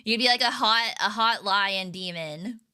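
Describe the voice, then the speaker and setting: Speaking at a measured pace, this young woman has a mid-range voice that's bright, forceful, clear, and resonant. She's livestreaming, casually talking with her audience in a rambling, giggly way full of fillers.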